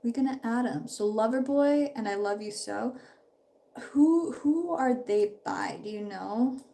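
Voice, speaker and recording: Her voice sits fairly high, creaky and mellow, and she speaks at a measured pace. She's a young woman in her twenties, slightly sick, rambling upbeat to viewers during a casual makeup live stream at her parents' house.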